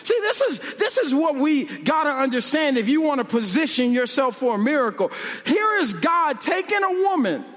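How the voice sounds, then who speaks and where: A pastor preaching a humorous, conversational sermon, slowing down and building to shouts on key points. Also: male voice, very high-pitched, very animated, long reverb tail.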